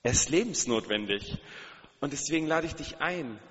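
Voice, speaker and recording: A man preaches a sermon in a fairly high-pitched, fairly bright voice, expressive and at normal speed. He speaks earnestly, asks his listeners direct questions, and repeats key phrases for emphasis. The recording has a long hall reverb and a dull sound.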